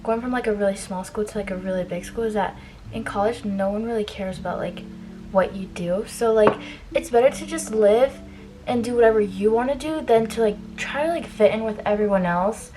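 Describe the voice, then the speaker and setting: Over background music, a young adult beauty vlogger at a medium pitch chats a bit quickly as she does her makeup. It's relaxed get-ready-with-me talk full of college tips, sprinkled with "like" and asides that trail off.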